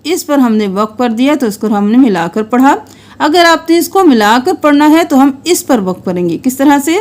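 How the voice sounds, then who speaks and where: High-voiced woman teaching Quran recitation. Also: darkish tone. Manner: patient step-by-step explaining, chanting verses slowly and melodically.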